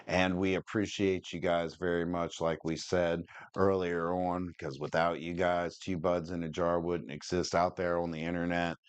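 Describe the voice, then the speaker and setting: A man's voice: low voice, clean tone, dry recording. A man, stoned, chatting casually as a livestream co-host in a laid-back, sweary stoner manner. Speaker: co-host of a cannabis podcast.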